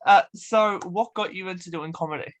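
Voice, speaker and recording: A man's voice: high-pitched, normal speed. A man hosting a casual radio interview, speaking informally with somewhat hesitant phrasing. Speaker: radio show host.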